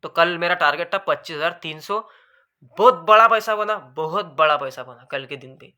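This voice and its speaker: A man explaining trading charts in a rapid, nonstop lesson, says his throat goes dry, calls viewers brother. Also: on the high side, bright, forceful tone, clear, resonant tone. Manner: fast, talks continuously without pause; addresses viewers as bhai sahab. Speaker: trading educator. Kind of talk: screen-share chart lesson.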